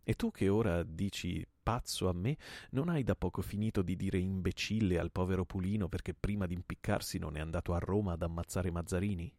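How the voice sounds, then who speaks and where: Guy doing a bitter desperate man with a gun, low gravelly voice, dry close sound. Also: brisk, darkish tone, dry recording. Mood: grim, menacing. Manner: menacing, bitter and intense. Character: desperate, grim man bent on murder. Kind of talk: dramatic reading of a play.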